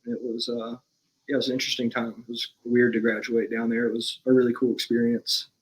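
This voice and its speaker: Young guy from alabama chatting as a podcast guest, pretty monotone, low-key. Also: brisk, poor audio. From Alabama, USA. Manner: laid-back, flat, matter-of-fact. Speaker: podcast guest, business owner. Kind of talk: casual interview chat.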